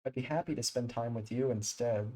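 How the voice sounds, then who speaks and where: A man reading the lines of a soft-spoken, apologetic teenage girl club president aloud. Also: medium pitch, a little fast, lightly acted, poor audio. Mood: calm. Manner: gentle, apologetic, read aloud from screen.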